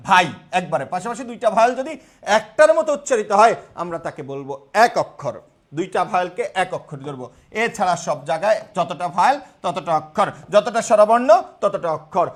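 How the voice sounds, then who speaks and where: A young man teaching grammar in a live online class, repeating terms and quizzing his students. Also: high voice.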